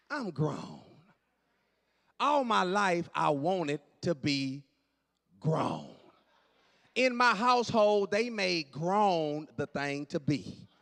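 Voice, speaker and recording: Animated comedian man in a reverberant hall. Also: vocal fry. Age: 40s. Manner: animated, drops to low asides and jumps up for punchlines. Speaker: stand-up comedian. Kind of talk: stand-up comedy storytelling. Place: church hall on stage.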